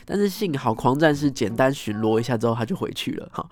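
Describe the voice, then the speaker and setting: Animated male storyteller. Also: mid-range voice, fast. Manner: animated, acts out scenes, frequent tag particles. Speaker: host. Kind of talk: casual storytelling monologue.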